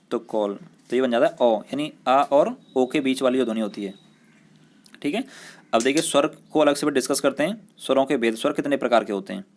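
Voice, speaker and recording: Male school teacher, mid-pitched voice, patient, repeats and drawls out sounds for pupils. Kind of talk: recorded classroom grammar lesson.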